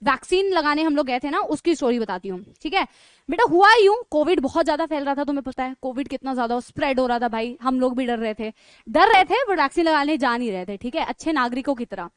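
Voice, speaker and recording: A woman teacher telling her students a funny story in a chatty, animated way. She keeps checking in with them and laughs as she goes. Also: sits high, quick pace, dry recording. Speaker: online teacher.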